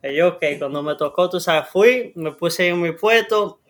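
Chatty Dominican man, slightly high voice. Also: unhurried. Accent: Dominican Spanish. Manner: relaxed and chatty, imitates sounds. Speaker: guest, Olympic swimmer. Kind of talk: casual storytelling.

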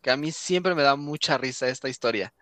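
A young man with a Mexican accent telling a funny story in casual chat, animated, often laughing and acting out what he said. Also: medium pitch, fairly quick, no room sound. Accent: Mexican Spanish. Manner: animated, laughs often, acts out his own lines.

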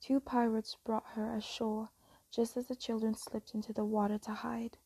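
Woman whispering a bedtime story, breathy and gravelly, dry close sound. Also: fairly high pitch, level tone, dry recording, low-quality recording. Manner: soft, slow, hushed.

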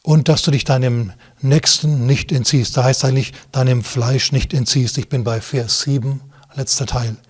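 A man's voice: mid-range voice, steady tone, moderate pace, hardly any pauses, slightly rough. A man, a pastor, preaching a sermon. He reads Bible verses aloud, explains them, and turns to his listeners directly with rhetorical questions and asides.

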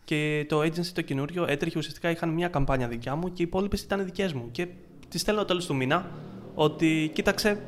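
A man talks fast and loose on a business podcast, his voice sitting fairly high. He restarts his sentences often and gets worked up as he goes. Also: a little hiss or hum. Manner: excitable, swearing, retelling frustration with many restarts. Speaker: podcast co-host, freelance ads marketer. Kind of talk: casual podcast chat.

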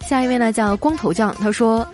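A woman hosting a comedy show, reading out listener jokes in a lively storytelling way and chuckling through the punchlines. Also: fairly high pitch, brisk, music in the background. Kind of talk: comic storytelling.

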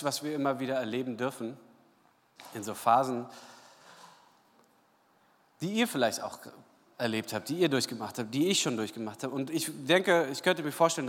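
A man preaching a sermon, retelling the story casually and voicing the figures with lively quotes. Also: medium pitch, long reverb tail. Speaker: pastor.

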